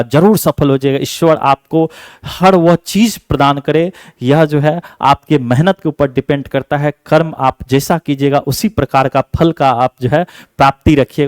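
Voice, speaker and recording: A man's voice: mid-range voice, no room sound, clean studio sound. A male teacher giving an exam-focused lesson, asking the class questions and answering them himself, repeating each point.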